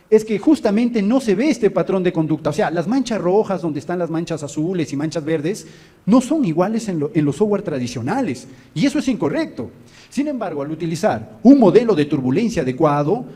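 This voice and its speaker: A man's voice: high-pitched, warm tone. Man giving a technical lecture. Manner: explanatory, addresses listeners directly, frequent "¿no?" tags. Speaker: researcher presenting a talk. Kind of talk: technical presentation to an audience.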